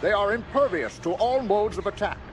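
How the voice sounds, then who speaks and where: An actor playing a grave alien admiral in an audio drama, speaking formally in solemn declarations. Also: male voice, sits high, animated, fairly quick, noisy background. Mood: grim. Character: grave alien admiral defending his doomed people. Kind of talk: audio drama acting over orchestral score.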